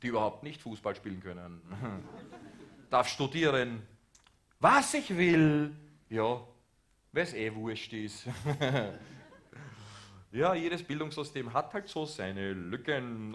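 A man's voice: mid-range voice, fairly bright tone. A man with an Austrian accent performing a sarcastic satirical monologue on a cabaret stage, ranting at the audience. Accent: Austrian German. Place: theater stage.

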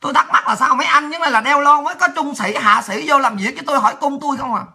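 A woman, giving a brash, profane ranting monologue and often breaking into laughter and shouts. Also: high-pitched, racing. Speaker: political livestreamer.

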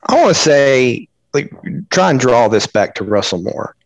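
A man's voice: mid-range voice, big pitch swings, moderate pace, no echo, dull audio. A man co-hosting a podcast, talking in a blunt, insistent and defensive way. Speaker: podcast co-host. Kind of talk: casual podcast discussion.

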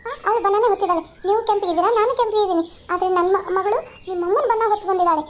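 A woman's voice: very high-pitched, very fast. A woman voicing a caring village mother in a cartoon, who pleads and protests on her daughter's behalf. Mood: indignant. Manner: pleading, indignant. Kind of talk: cartoon voice acting. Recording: slightly dull lo-fi sound.

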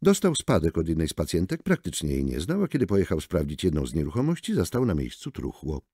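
A man's voice: low voice, huge pitch swings, fast, dark tone, husky, no echo, studio quality, exaggerated voice. A man voicing a brusque, mocking woman lawyer in an audiobook. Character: sharp-tongued sardonic woman lawyer. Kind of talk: audiobook character voice.

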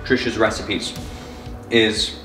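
A man's voice: lowish voice, little pitch movement, takes it slowly. A man in his forties bantering and teasing as he tastes food in a small RV kitchen. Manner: joking, teasing, laughing. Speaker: co-host taste-tester. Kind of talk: casual banter. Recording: roomy with background music.

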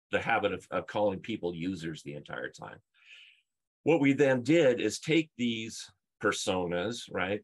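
A middle-aged man, a UX leader and conference speaker, presents over a video call from a book-lined room at home. His fairly low voice has a fairly bright tone as he explains emphatically with stories and rhetorical questions.

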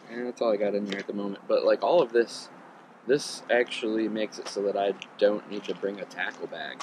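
A man in his thirties giving a relaxed, rambling gear review to a camera on a riverbank. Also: lowish voice, a little hiss or hum, rough recording. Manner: relaxed, chatty, rambling with ums. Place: outdoors on a riverbank. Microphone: camera on tripod a few meters away.

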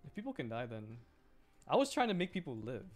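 This streamer talks briskly at a medium pitch, reacting animatedly during live gameplay with game music behind them. They chat casually to themselves and the game's characters, often repeating phrases in response to what happens.

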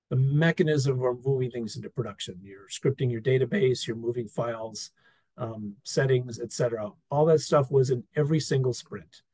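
Speaking in a medium pitch with no echo, a man gives a conversational slide presentation on a video call. It's an experience report delivered wryly and casually, with plenty of fillers and false starts.

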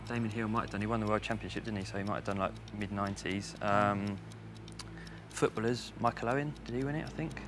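A man's voice: fairly low pitch, fairly even intonation, fast talker, background noise. A man with an English accent, a quiz contestant, conferring with his partner and thinking aloud with plenty of fillers. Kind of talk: casual conferring. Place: television studio.

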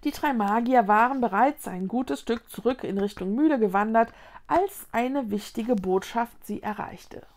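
A woman reading a children's storybook aloud in a lively, expressive way. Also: a little high, a little slow. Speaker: storybook reader.

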